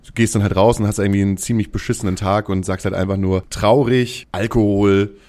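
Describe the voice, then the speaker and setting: A man with a fairly low voice, talking loosely in a casual podcast chat. He rambles and restarts his sentences often, and now and then slips into teasing mock voices. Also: level tone, racing, warm tone. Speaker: podcast co-host.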